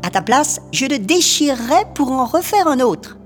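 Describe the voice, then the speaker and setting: A calm, wise schoolteacher who speaks gently and reassuringly, as a woman voices her for a storybook. Her tone is warm and steady. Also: high voice, moderate pace, long reverb tail, soft background music.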